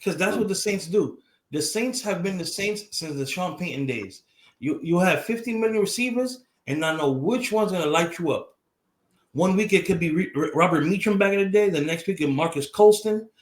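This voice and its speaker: A man's voice: sits high, animated, normal speed. A man with a Brooklyn accent co-hosting a casual fantasy football chat, blunt, sarcastic and profane. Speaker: podcast co-host.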